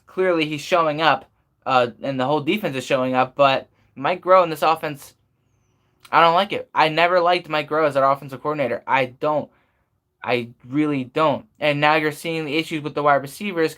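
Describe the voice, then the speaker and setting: Higher-voiced man venting on a sports stream. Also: fairly bright tone. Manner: frustrated, opinionated venting with emphatic repetition. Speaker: sports fan live streamer. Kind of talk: off-the-cuff live stream sports commentary.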